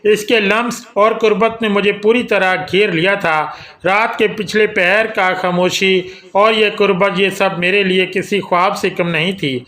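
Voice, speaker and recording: A man telling a romantic audio novel in the first person, in steady, scripted storytelling. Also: high-pitched. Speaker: narrator.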